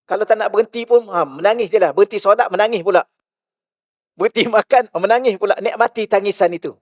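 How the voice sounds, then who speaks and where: A male religious teacher with a Malaysian Malay accent, giving a mosque lecture full of rhetorical questions, shifting between loud and hushed. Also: sits high, fast talker, dry recording, clean studio sound.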